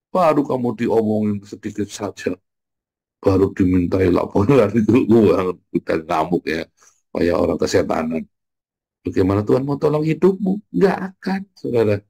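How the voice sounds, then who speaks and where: A man preaching an informal morning sermon, blunt and teasing, swinging from loud jabs to low murmurs. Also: vocal fry. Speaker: pastor.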